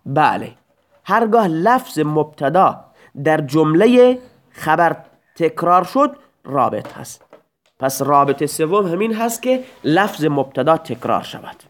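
A male teacher explains grammar patiently, one step at a time, posing rhetorical questions and answering them himself. His fairly high voice moves up and down a lot, and it sounds like a recorded audio lesson.

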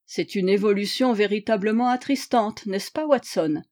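A woman's voice: medium pitch, normal speed, a little mellow, close to an everyday voice. Sherlock Holmes, read by a woman, wry and theatrical. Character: Sherlock Holmes, shrewd, playful male detective. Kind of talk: audiobook character reading.

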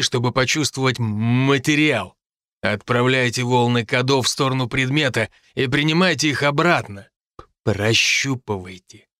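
A man's voice: medium pitch, fairly bright tone, no room sound, clean studio sound, lightly acted. A man doing a stuttering strict old-school professor. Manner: stutters on consonants. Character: stuttering strict male professor, calm and exacting. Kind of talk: audiobook character voice.

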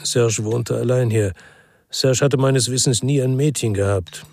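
A man plays a brooding ex-police detective narrating a crime radio drama, his husky voice sober, terse and reflective. His pitch is medium, his pace a little slow, and his tone darkish, with no echo.

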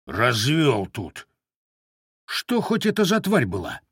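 A man voicing a gruff older military commander who barks his orders. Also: medium pitch, huge pitch swings, slow pace, no echo, clean studio sound, voice pushed up, exaggerated voice. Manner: gruff, barking.

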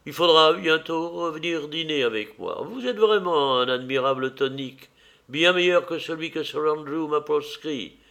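A man's voice: a little high, moderate pace, creaky, pushed and bright. Man putting on a fussy old society hostess. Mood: bossy.

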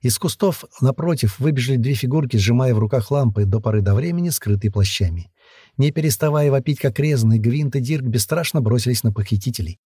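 A male audiobook narrator with a dark, husky voice, recorded close on a studio mic in a dry space. He reads fantasy prose in a steady storytelling manner. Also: medium pitch, brisk, no echo.

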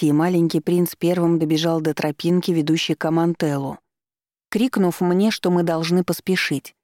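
A woman narrating a first-person story for an audiobook, calm and even. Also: low voice, dry recording, studio quality.

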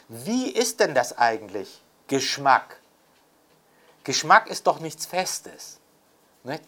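An older man with a fairly high, slightly bright voice speaks off the cuff as an author and scholar being interviewed. His unscripted intellectual talk is reflective and emphatic, and he often tacks on rhetorical tags.

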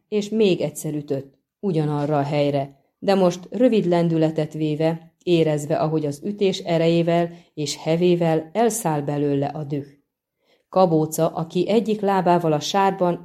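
A woman narrates a fantasy novel in a steady, measured way. Her voice is low and dark, mellow in tone. The delivery stays even across the prose. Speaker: audiobook narrator. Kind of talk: scripted narration.

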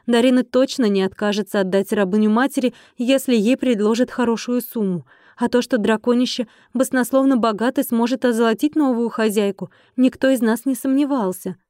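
A woman narrating a fantasy audiobook in the first person, reading in an even, steady storytelling manner. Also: fairly high pitch, brisk, no room sound, studio quality.

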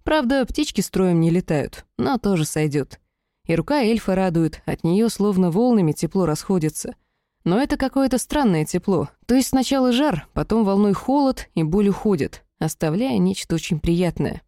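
A woman narrating a fantasy audiobook in the first person, in a wry, relaxed manner. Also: mid-range voice, normal speed, no room sound, studio quality.

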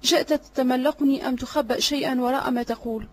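A woman's voice: sits high, fairly even intonation, quick pace, slight background noise, natural voice. A woman voicing an irritable, threatening male vizier in an audiobook drama reading, blustering and impatient.

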